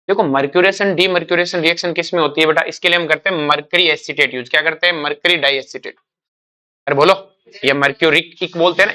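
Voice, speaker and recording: A man's voice: sits high, bright, forceful tone, smooth. A man teaching a chemistry class, quizzing his students with repeated questions and calling them beta. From India. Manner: acts out a crying carbocation and a comforting mercury.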